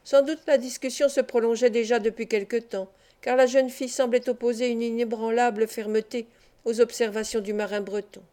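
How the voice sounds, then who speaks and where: A woman narrates a classic novel in a calm, measured audiobook reading. Her voice sits fairly high but sounds mellow and soft-edged. She lifts it a little when the characters speak. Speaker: audiobook reader.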